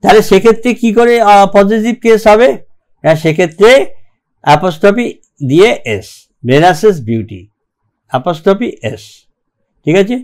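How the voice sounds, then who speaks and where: A man teaching English grammar in a recorded lecture, reading rules aloud slowly and keeping checking that the class follows. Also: high voice, animated, a little mellow. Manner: slow and deliberate, reads English rules aloud, keeps checking "ঠিক আছে?".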